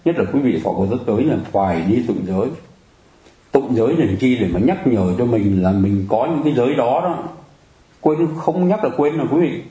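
A man's voice: mid-range voice, moderate pace, warm tone, reverberant, poor audio. A man giving a Buddhist sermon in a chatty way, often turning to the audience and joking. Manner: conversational, addresses the audience often, jokes and laughs. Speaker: Buddhist preacher. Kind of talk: dharma talk sermon.

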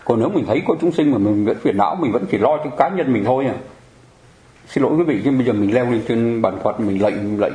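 A man's voice: mid-range voice, fast talker, dark tone. A man giving a Buddhist dharma talk in a conversational way, often putting rhetorical questions to his listeners. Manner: conversational, keeps asking the audience rhetorical questions. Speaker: Buddhist teacher. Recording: roomy echo.

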